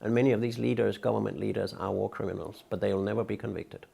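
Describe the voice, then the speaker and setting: A man's voice: fairly low pitch, fairly even intonation, fast, creaky, dark tone, breathy edge. An older man from Denmark, giving outspoken, emphatic interview answers as a guest. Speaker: interview guest, peace researcher.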